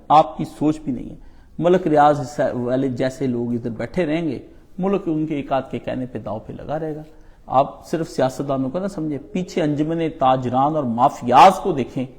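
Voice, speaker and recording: A middle-aged man from Pakistan delivers a Friday sermon in an impassioned voice of ordinary pitch. His delivery surges suddenly louder and then falls back. He closes with recited Arabic supplications. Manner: impassioned, with sudden loud swings. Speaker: preacher.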